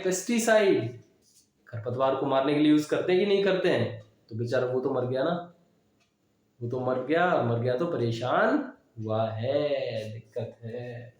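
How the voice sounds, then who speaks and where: A man's voice: mid-range voice, a little mellow. A man teaching English vocabulary in Hindi, explaining words with memory tricks and checking in with "है ना?" as he goes. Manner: explains with mnemonics, frequent "है ना?" check-ins. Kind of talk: classroom-style vocabulary lesson. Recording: very echoey room.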